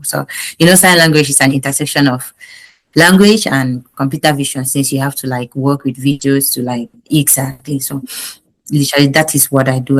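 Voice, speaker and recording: A young woman from Cameroon, a graduate student, telling her story in a candid, reflective interview with light laughs. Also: rumbling low. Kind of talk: casual interview.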